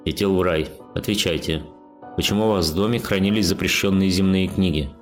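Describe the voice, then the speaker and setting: A man's voice: low voice, fairly quick, faint music behind. A man voicing a stern Martian military instructor who questions in a clipped, demanding way.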